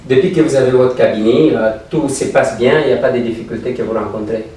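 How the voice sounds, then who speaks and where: A man's voice: medium pitch, steady tone, fast talker, warm tone. A man interviewing a guest, asking probing questions with many hesitant fillers and repeated words. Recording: echoey room, voice from far off, faint noise.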